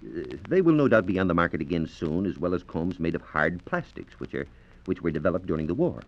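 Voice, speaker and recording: A deep-voiced, creaky American man, a science reporter on a radio program, explains science in a formal, scripted 1940s radio style. His pitch moves lively through measured sentences, and the audio is dull and band-limited, from an old transcription disc.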